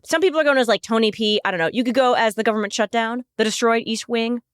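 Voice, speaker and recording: A woman's voice: on the high side, fast talker, clear, resonant tone, dry recording, clean studio sound. A woman chatting informally and playfully as a podcast panelist, using plenty of slang. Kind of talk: casual chat.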